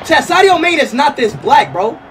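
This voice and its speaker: A young American man reacting excitedly on a gaming livestream, loud and slangy, often shouting and repeating his phrases. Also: extremely high pitch, moderate pace, faint music behind. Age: young adult. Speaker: live streamer. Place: indoor room, streaming setup. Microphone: headset.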